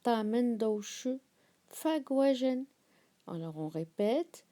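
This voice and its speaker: Female language teacher, very slow, mellow tone, repeats each phrase twice for learners. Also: on the high side, expressive. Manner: says each Chinese phrase twice, slowly and clearly. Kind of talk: slow, repetitive vocabulary lesson.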